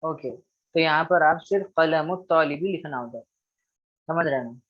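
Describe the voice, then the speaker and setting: A man's voice: fairly high pitch, normal speed, highs cut off. A man teaching an Arabic grammar lesson, patiently repeating each rule and checking in with his students often. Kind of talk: recorded online grammar lesson.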